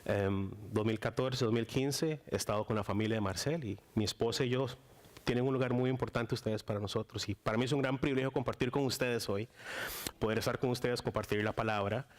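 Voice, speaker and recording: A young man from Costa Rica, speaking with a Costa Rican accent, gives a casual guest sermon in a mid-range voice at a fairly quick pace. He is chatty and warm, with frequent fillers and restarts.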